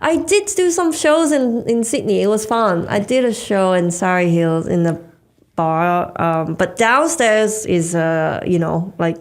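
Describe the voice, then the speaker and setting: Speaking a little slowly at medium pitch, this Hong Kong woman, a Cantonese-speaking stand-up comedian, is a guest on a podcast in casual conversation. She sounds hesitant, with trailing restarts and a lot of fillers.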